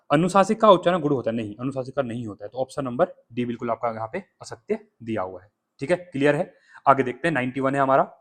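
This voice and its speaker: A man tutoring exam candidates through a past paper, explaining step by step and sounding out letters slowly, often checking in with "theek hai". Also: mid-range voice.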